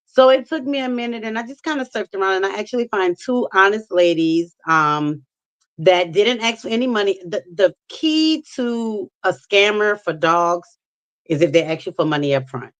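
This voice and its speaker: A woman's voice: mid-range voice, expressive, moderate pace, no room sound. A middle-aged woman with a New Orleans accent, chatting casually as a talk show guest. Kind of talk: casual chat.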